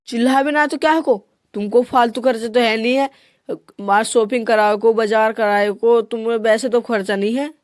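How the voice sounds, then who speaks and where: Woman doing a scolding mother, high voice, snapping, dry close sound. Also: steady tone, moderate pace, no echo, lightly acted. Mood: angry. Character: harsh mother, fierce with her husband. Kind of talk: comedy skit acting.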